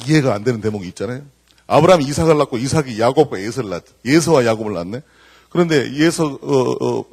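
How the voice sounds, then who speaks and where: A middle-aged man speaks to a congregation in a gravelly, husky voice. He tells stories and acts out the voices of the people in them, with a mid-range pitch. He turns often to talk straight to the listeners. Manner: animated storytelling, acting out quoted voices; addresses the congregation directly. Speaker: guest speaker at a church service. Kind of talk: lively sermon-style lecture.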